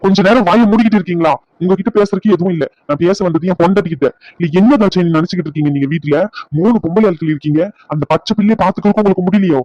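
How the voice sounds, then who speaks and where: A furious young husband, voiced by a man in a cartoon, shouting and accusing in a rush. His voice is high for a man and very fast, on a dull lo-fi recording with no room sound. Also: no echo, lightly acted. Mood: angry. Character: angry young husband storming home. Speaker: cartoon character.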